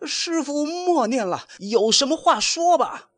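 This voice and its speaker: A man voicing a brash, cocky male monkey king who pleads and boasts in high, strained cries. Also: huge pitch swings, unhurried, a bit bright, husky, dry recording, exaggerated voice. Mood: pleading.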